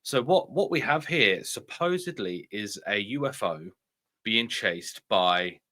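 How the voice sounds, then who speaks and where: A man hosting a video with casual, speculative commentary, often halting and repeating his phrases. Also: on the low side, lively intonation, bright, forceful tone. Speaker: video host.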